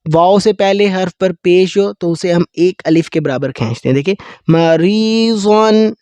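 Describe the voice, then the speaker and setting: A man teaching Quran recitation rules in a lesson, explaining quickly and then chanting verses slowly and melodically. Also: sits high, mellow, dry recording. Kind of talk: tajweed lesson.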